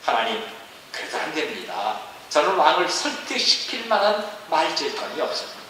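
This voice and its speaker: A reluctant, self-doubting man, as a preacher acts him out, pleads meekly to be let off. His bright voice rings through a large, echoey hall heard from a distance. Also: fairly high pitch, sing-song, normal speed, slight background noise. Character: hesitant, self-doubting male leader making excuses.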